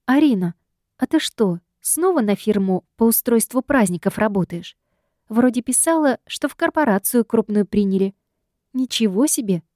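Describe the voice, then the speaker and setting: A woman voicing a flustered young woman, a meek, chattering younger sister who squeaks her words. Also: animated, moderate pace, warm tone, no room sound, studio quality, natural voice.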